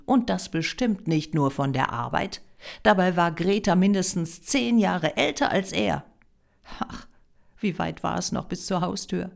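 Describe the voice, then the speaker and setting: A woman narrating a novel as an audiobook, expressive and dropping to a whisper in tense passages. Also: on the low side, vocal fry.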